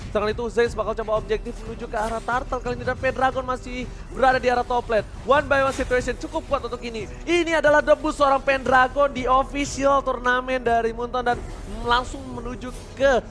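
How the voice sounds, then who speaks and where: A man calling a live esports match like an excitable fighting game announcer, dropping in English catchphrases. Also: very high voice, fairly quick, few pauses, faint music behind. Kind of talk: live play-by-play game commentary.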